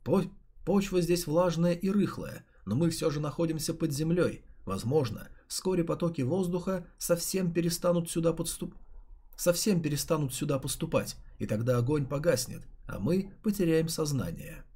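A man reading a calm, courteous young prince. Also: on the high side, normal speed, breathy edge. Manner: courteous and composed.

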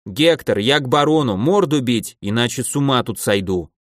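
A man's voice: medium pitch, lively intonation, moderate pace, no room sound, studio quality, natural voice. A man voicing a boisterous old archmage stuck in a child's body, who bellows gleefully and scolds in a wheedling tone. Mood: indignant.

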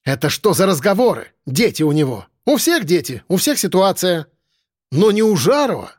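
A man voicing a bossy, loud middle-aged woman who runs a factory department and scolds her staff, read as an audiobook character. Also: high voice, sing-song, moderate pace, dry recording, clean studio sound, pitched above the performer's own voice. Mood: scolding. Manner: barking, scolding, domineering.

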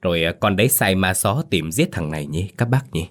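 A man's voice: deep voice, animated, a little fast. A man voicing a gossiping village man who speculates hesitantly at a funeral in a spoken horror story. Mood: gossipy.

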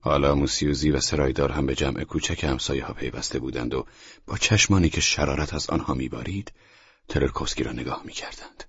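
Man, audiobook narrator, extremely deep, dry close sound, slightly dull audio. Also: creaky, a bit bright, slightly rough, no room sound. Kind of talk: scripted narration.

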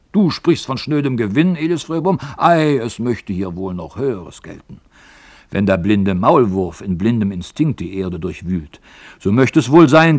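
Wise old miner guy, man doing him, swings loud and soft a lot, dry sound. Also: low voice, gravelly, slightly rough, dry recording, exaggerated voice. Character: old male miner, wise, persuasive, quick to anger.

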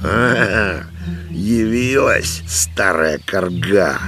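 A man's voice: deep voice, steady tone, a little slow, voice pushed up. A man voicing a scrawny, cantankerous old man who jeers and curses in an audiobook, with music behind. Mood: abusive. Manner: jeering, cackling, abusive.

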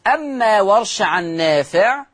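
Male Quran teacher, middle-aged, Egyptian accent, TV lesson, drawn-out demonstrations. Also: high-pitched, lively intonation, a bit bright. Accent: Egyptian Arabic. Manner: stretches out words slowly to show how they are pronounced. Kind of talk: televised religious lesson.

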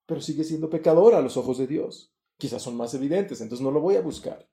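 Man, sermon, deep mellow tone, slightly high pitch, earnest, swells on key points. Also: a little fast, vocal fry, echoey room. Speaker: preacher.

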